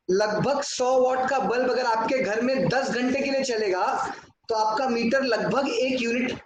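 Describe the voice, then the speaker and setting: A man teaching a lesson in a very high register, and he answers the questions he puts to the class. His voice rings around a hard, echoey room, and there is steady noise behind it. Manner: talks at a board, asks and answers his own questions, mixes in English. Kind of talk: classroom lecture.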